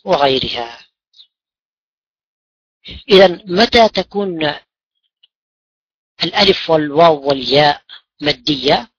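A man's voice: fairly high pitch, a bit bright, breathy edge, dry recording, lo-fi sound. A man teaching a class in a classroom-lesson style. He asks his students questions and then answers them himself. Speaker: religion teacher. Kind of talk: classroom lesson on Quran recitation rules.

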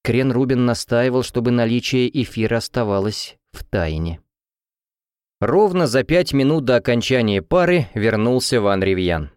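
A man narrating an audiobook in a steady, even storytelling manner. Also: mid-range voice, normal speed, clean tone, no room sound, clean studio sound. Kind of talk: scripted narration.

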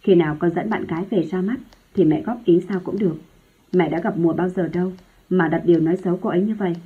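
A woman voicing an earnest young man in love who argues firmly but respectfully with his mother, in a husky low voice. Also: steady tone, quick pace. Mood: arguing. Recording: tinny phone-like lo-fi sound.

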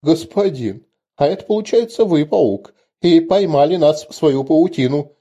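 A man's voice: fairly high pitch, expressive, moderate pace, dark tone, pitched above the performer's own voice. A man voicing a playful young concubine who talks in a sulky, teasing way. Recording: dull lo-fi recording.

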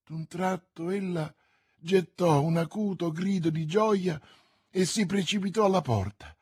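Husky man narrating a classic novel. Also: high-pitched, a little mellow, no echo, clean studio sound. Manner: measured, dramatic storytelling. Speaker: audiobook narrator.

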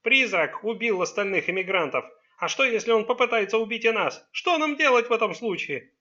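Defiant teenage son, sullen and resentful, bright raised voice, read by a man for a storybook. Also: high-pitched, lively intonation, brisk, dull audio, voice pushed up. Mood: defiant shouting.

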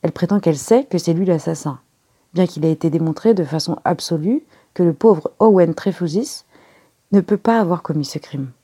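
An earnest, guarded young woman in an audiobook, read by a woman in her own voice. Her tone is low and mellow, with a gravelly, husky texture. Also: moderate pace. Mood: insistent. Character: young woman secretary, poised, elegant, reserved. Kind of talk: audiobook character reading.

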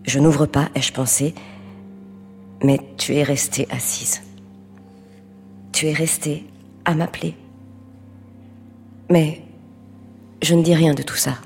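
A woman's voice: low voice, steady tone, slow pace, pauses often, darkish tone, in a large hall, soft background music. An actress playing a guarded married woman who speaks in a controlled, reserved way, in a stage play. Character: guarded married woman, cool and self-protective.

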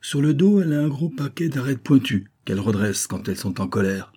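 Man as cheeky ship's boy, high and teasing, husky edge. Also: lively intonation, a little fast, mellow. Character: cheeky young ship's boy, lively and mocking.

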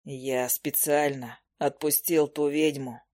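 A woman reading an audiobook voices a calm young male monster hunter in a low, slow murmur. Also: no room sound, studio quality. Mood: soft, reassuring.

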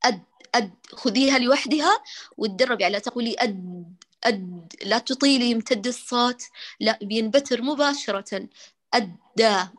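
A woman leads a Quran recitation lesson, her voice sitting a little high. She explains patiently, demonstrating each letter sound again and again, and addresses her students with warm terms of endearment. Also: brisk. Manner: affectionate, addresses students as dears. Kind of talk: online class, tajweed correction lesson.

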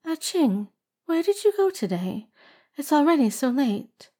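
A woman voicing a gentle, soft-spoken young man. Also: high-pitched, a little slow, voice pushed up. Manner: soft, calm and soothing.

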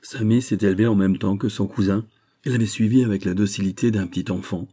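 A man reading a classic adventure novel aloud as an audiobook narrator, measured and even. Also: lowish voice, background noise. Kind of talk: scripted narration.

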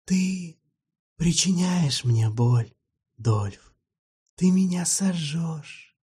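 A man doing a soft-spoken, courtly old vampire. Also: on the high side, animated, slightly rough, voice pushed up, exaggerated voice. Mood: sorrowful, gentle. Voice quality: soft, half-whispered, drawn-out. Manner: slow, ornate, mournfully polite. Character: ancient weary male vampire, courtly, gently ironic.

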